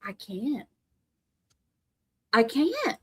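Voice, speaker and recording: Animated chatty woman hosting a live stream. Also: on the high side, breathy edge. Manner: animated, chatty, quick to laugh. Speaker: livestream host. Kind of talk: casual live reaction chat.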